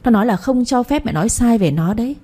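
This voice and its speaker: A woman doing a shrill scolding mother-in-law. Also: animated, quick pace, warm tone. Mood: scornful. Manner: shrill, scornful, nagging. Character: sharp-tongued scolding older mother-in-law.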